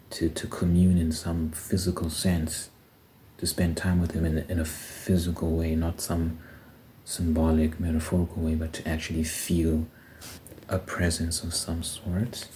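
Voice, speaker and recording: A man's voice: low-pitched, warm tone. A man giving a casual, reflective personal monologue, thinking aloud in short phrases as a vlogger. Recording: noticeable background noise.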